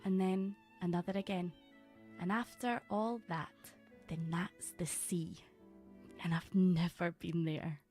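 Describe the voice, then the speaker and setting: A man putting on a soft young girl. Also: fairly even intonation, takes it slowly, faint music behind. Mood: wistful. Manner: soft, high put-on girl's voice. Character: young Scottish girl wistful about the hills.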